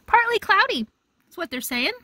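Very high-pitched and very animated, this woman in her fifties talks at normal speed with a bright, forceful tone. She's an RV travel vlogger chatting casually to the camera and sweetly to her dog, in the windy high desert outdoors and inside her RV. The dry recording comes from a phone camera at arm's length.

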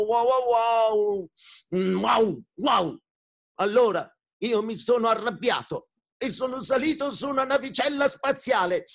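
Man doing a gentle wise storybook dog, high voice, slow telling, barks between words. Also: heavily acted. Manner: barks "wow, wow" between every few words. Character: wise gentle male dog, mute in a painting. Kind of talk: storytelling performance for children.

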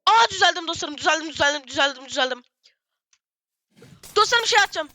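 A young gaming streamer, giving frantic, excited commentary in a squeaky, shrill voice and repeating phrases over and over. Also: fast talker, no echo, studio quality.

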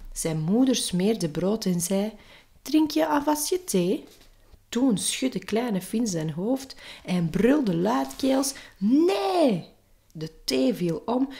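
Slow, lively woman reading a picture book. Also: fairly low pitch. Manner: slow, expressive storytelling. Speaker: teacher.

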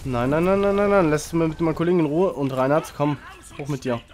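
A man commentating his own online shooter match, frantic and loud, urging his team on and cursing opponents. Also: on the high side, quick pace. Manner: frantic, urging teammates, swearing at enemies. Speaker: gaming channel host. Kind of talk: excited live game commentary.

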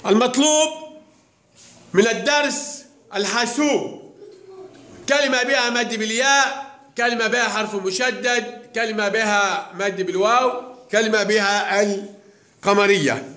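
A man teaching primary pupils, giving brisk commanding calls across a classroom. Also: high-pitched, sharp tone. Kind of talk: classroom instruction. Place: large classroom. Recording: noisy classroom with clicks.

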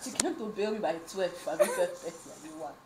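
A young woman telling a story in casual chat, animated and laughing often. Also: fairly low pitch, fairly quick, echoey room, background noise. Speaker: vlogger.

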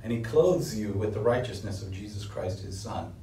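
This middle-aged pastor, preaching at a lectern in a small indoor space, has a dark, expressive voice and a moderate pace. He grows louder and higher as he presses his main points, heard through a distant mic with roomy echo and slight background noise.

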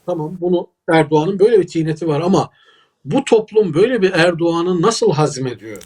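A man's voice: a little high, expressive, fairly quick, darkish tone, slightly rough. Emphatic Turkish man lecturing on politics. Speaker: political scientist guest. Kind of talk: political commentary in an interview.

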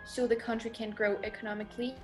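A woman's voice: a little high, flat delivery, quick pace, a little mellow, faint music behind. A teenage girl from Colombia, a Spanish native speaker, speaking earnestly to a camera. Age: teens.

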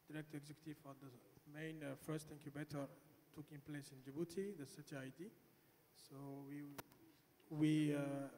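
A man introducing himself on a conference panel, halting and searching for words, in a large hall. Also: on the high side, a little mellow. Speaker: panelist, incubator founder. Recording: long hall reverb, faint noise.

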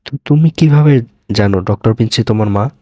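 A man's voice: fairly low pitch, fairly quick, no room sound, dull audio, close to an everyday voice. A man voicing a frightened, desperate male investigator with urgent, pleading speech in an audio story. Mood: pleading, afraid.

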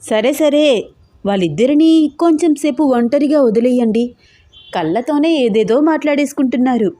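A woman's voice: high-pitched, animated, normal speed, mellow, no room sound, voice pushed up. Storybook role: coaxing friendly young woman, put on by a woman reader, dry close sound. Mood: cheerful. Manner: lighthearted, coaxing. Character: cheerful young woman, groom's sister.

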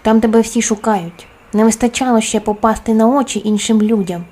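A woman's voice: on the high side, fairly even intonation, brisk, natural voice. A woman voicing a grumpy, greedy male forest gnome who grumbles and complains in a storybook tale. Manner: grumbling, indignant. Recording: soft music underneath.

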